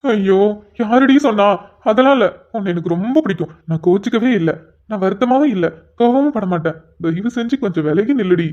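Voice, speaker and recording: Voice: mid-range voice, animated, brisk, darkish tone, close to an everyday voice. Brief: performer doing a flustered cartoon husband, exasperated and pleading, dull lo-fi audio. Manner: exasperated, pleading, sighing asides. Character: flustered young married man, patient and exasperated.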